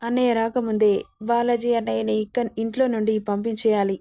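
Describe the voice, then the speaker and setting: A woman voicing a gentle, shy young woman who speaks softly and hesitantly. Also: a little high, flat delivery, a little fast, gravelly, dry recording, studio quality. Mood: anxious.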